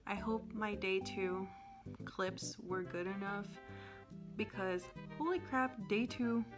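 A woman's voice: medium pitch, slow pace, music in the background. A young woman, an anime fan, chatting casually into her phone as she vlogs as a convention guest. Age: young adult. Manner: anime fan, gushing and venting informally. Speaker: vlogger, cosplay convention guest. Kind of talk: casual vlog chat. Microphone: phone at arm's length.

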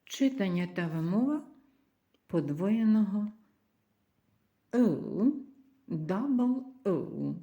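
Slow, dark-voiced woman teaching words. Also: mid-range voice, expressive. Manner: carefully drawn-out pronunciation of word pairs. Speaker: English teacher. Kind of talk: slow vocabulary lesson.

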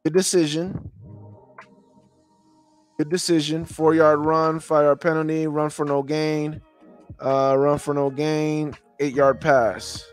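A man's voice: a little high, level tone, slow, pauses often, faint music behind. A man hosting a podcast, breaking down football film for his viewers in a casual way, thinking aloud and repeating himself. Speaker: podcast host reviewing game film. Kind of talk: casual film breakdown for a live stream audience.

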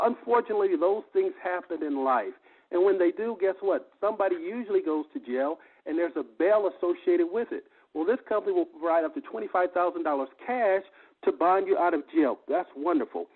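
Heard over a telephone on a muffled, lo-fi conference line, this is a sales presenter on an evening business opportunity call. His high male voice has a raspy edge, and he explains the benefits emphatically and repetitively, leaning on rhetorical questions.

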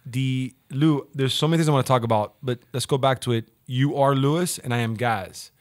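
A man's voice: mid-range voice, a little fast. A man hosting a casual video chat, upbeat and talkative, often repeating words as he goes. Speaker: host.

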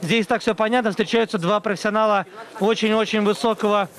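Male MMA commentator, high-pitched, measured live delivery with pauses. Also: steady tone, a bit bright. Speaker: sports commentator.

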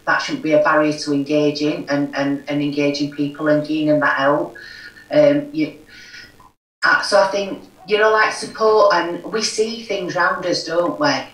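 Over a video call from a room at home, a middle-aged woman who chairs a recovery forum is interviewed in a conversational style. Broad-accented and from Yorkshire, England, she has a deep, slightly bright voice, fairly even intonation, and a moderate pace, speaking frankly and earnestly with lots of "you know". The room is echoey and she sits far from the mic.

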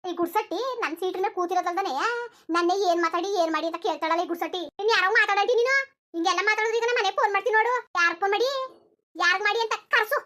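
A performer doing a shrill scolding old village woman. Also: bright, forceful tone. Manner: shrill, scolding, boastful threats. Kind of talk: cartoon voice acting.

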